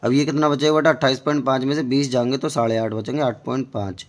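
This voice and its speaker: Speaking fast at a medium pitch with fairly even intonation, an Indian man teaches math, walking through board-exam problems step by step. He keeps putting questions to his students throughout this tutoring lesson.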